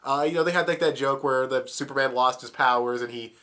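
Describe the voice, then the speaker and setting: Casually reviewing a cartoon while plugged up with a cold, this young man curses and chuckles as he talks. His mid-pitched delivery is brisk, pushed and bright.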